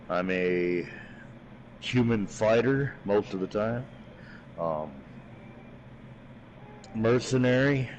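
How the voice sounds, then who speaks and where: A man's voice: low voice, lo-fi sound. A man chatting casually as a player in an online tabletop roleplaying game. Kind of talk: casual chat. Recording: faint background noise, online voice chat.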